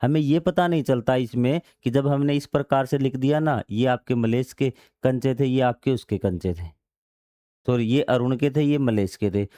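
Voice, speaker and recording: In this maths lesson, the male teacher reads textbook passages and restates them simply, quizzing himself aloud and repeating important steps. He speaks in a warm, mid-range voice, captured as clean studio sound with no echo.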